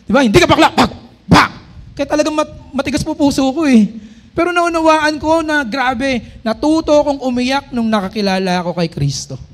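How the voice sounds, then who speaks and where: A man preaching from the pulpit in a very high voice. He is a middle-aged pastor who keeps drawing answers from the congregation. He reads his scripture passages slowly and with force. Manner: preaching with frequent call-and-response to the congregation. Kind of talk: sermon.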